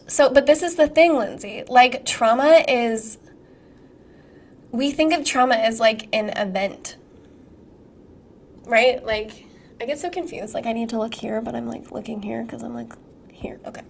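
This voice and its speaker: A sick woman with a hoarse, fairly high voice teaches a live-streamed trauma-healing masterclass. She's casual and animated, swearing and tossing out rhetorical questions. A slight hiss or hum is present.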